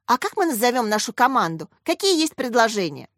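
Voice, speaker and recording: A woman's voice: a little high, sing-song, brisk, a bit bright, dry recording, studio quality. A woman reading boy captain Makar, cheery and rallying. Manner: encouraging, rallying. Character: boy Makar, upbeat young team captain.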